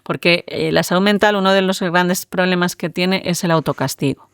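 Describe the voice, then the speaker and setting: A woman, a neuroscientist guest explaining ideas in a relaxed interview, often ending with tag questions. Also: on the low side, normal speed, smooth, dry recording, studio quality. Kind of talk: conversational interview.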